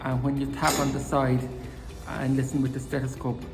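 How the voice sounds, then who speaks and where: A man's voice: mid-range voice, little pitch movement, normal speed, music in the background, rough recording. A man with an Irish accent, a vet explaining his hands-on work as he goes. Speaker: large animal vet.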